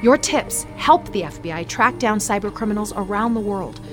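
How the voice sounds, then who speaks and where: A woman's voice: mid-range voice, animated, normal speed, close to an everyday voice. A woman voicing a perky know-it-all queen in a radio public service ad, with a bubbly, upbeat delivery. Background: music.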